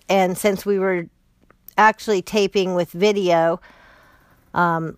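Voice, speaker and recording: Gravelly-voiced woman podcast host. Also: on the low side, no room sound. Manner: chatty, upbeat, spells things out slowly. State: hoarse from a cold. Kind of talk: casual podcast intro.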